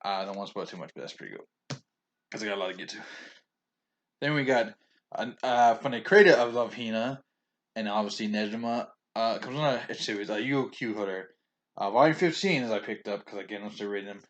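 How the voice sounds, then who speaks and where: Low-voiced man rambling through a haul. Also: brisk. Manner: rambling, restarts often, stumbles over names; chatty and opinionated, with frequent chuckles. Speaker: vlogger reviewing a manga haul. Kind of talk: casual rambling haul video.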